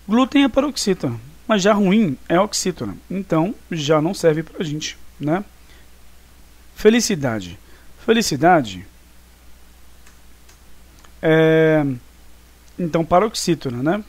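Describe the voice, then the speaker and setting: A man's voice: fairly high pitch, animated, moderate pace. A male teacher talking through exercises in a recorded online class, casual and chatty, often checking in with his students. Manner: casual, chatty, with many fillers and check-ins.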